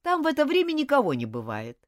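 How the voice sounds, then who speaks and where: A woman's voice: high-pitched, wildly swooping pitch, fast talker, dry recording, clean studio sound, pitched above the performer's own voice. A woman reading an audiobook, voicing a proud, hot-tempered schoolboy who talks in an indignant, clipped, scornful way. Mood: grudging.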